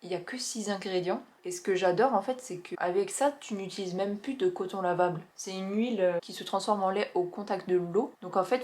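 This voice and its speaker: A woman's voice: on the low side, darkish tone. Chatty young woman reviewing skincare. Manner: chatty, enthusiastic, many filler pauses. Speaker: beauty vlogger reviewing finished products. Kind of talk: casual product review vlog.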